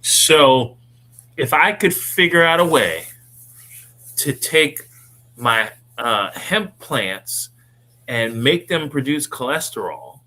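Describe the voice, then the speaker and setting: A man's voice: mid-range voice, slow pace. A man hosting a show in casual chat, playful and easygoing as he wraps up with his guest. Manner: playful, animated, wraps things up. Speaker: show host.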